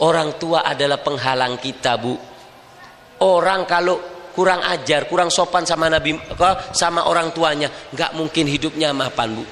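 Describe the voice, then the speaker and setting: A man with a Madurese accent preaching a lively sermon to a women's gathering. He talks emphatically and keeps asking the crowd rhetorical questions. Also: on the high side. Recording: echoey reverberant hall.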